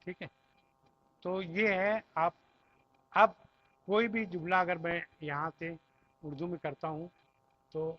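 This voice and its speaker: A man's voice: high voice, fairly even intonation, slow pace, long pauses. A man teaching an Arabic class in a classroom, patiently repeating each phrase and explaining it word by word. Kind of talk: classroom language lesson. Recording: dull lo-fi recording.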